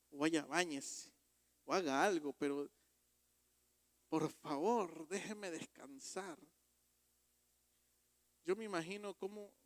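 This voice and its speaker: A man preaching a sermon as pastor, emphatic and rising to loud exhortations. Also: on the high side, no room sound. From Ecuador.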